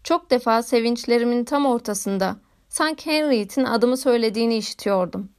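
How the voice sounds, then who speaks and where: High-pitched woman narrating a novel. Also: clean tone. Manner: measured, literary reading. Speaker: audiobook narrator. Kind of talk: scripted narration.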